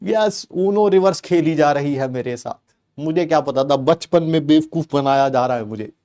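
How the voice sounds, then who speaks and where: A middle-aged man, a teacher telling a comic story from his childhood to his live class in an animated, teasing way. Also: on the high side, moderate pace. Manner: animated and playful, teasing the class with rhetorical questions.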